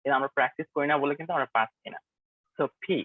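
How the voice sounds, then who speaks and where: A man leading a live online pronunciation lesson, drilling words slowly and repeating them, with English phrases mixed in. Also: a little high, no room sound. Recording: tinny, dry online call audio.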